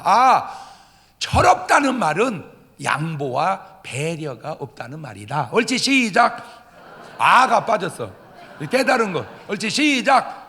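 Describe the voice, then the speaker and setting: Male pastor, sermon, high lively voice, echoing church hall. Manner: animated preaching, acts out crying children. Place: church sanctuary.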